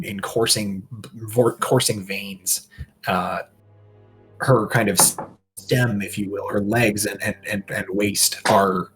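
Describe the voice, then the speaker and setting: A man narrating as game master of a tabletop game, in halting, descriptive speech with many restarts. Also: on the low side.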